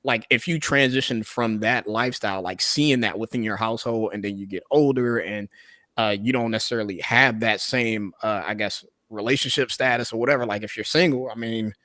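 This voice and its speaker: A man's voice: fairly low pitch, fairly quick, sharp tone, no echo, clean studio sound. A man in casual podcast discussion, laid-back and slangy, hedging with small asides as he explains.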